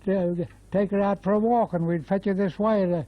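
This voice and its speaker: Old Australian man, nineties, high-pitched voice, rambling repetitive storyteller, dull lo-fi interview tape. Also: steady tone, moderate pace, no echo. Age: 90s. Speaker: interviewee, former bush labourer. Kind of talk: casual oral history reminiscence.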